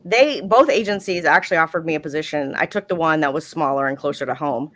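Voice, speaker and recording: A woman's voice: low voice, fast, a bit bright. A woman dispatcher telling a story in casual podcast chat, chatty and full of "like"s. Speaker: 911 dispatcher and podcast guest.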